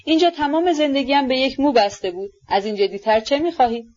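A woman's voice: high voice, a little mellow, lo-fi sound, voice pushed up. A woman voicing a proud, imperious young woman who speaks in a haughty, commanding way. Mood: mocking.

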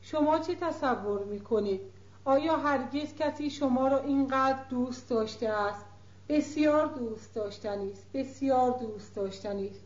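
A woman's voice: high-pitched, darkish tone, close to an everyday voice. A woman reading as a playful willful teenage girl. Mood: eager. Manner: eager, coaxing. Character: sixteen-year-old girl, lively, playful and willful. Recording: roomy, dull lo-fi recording.

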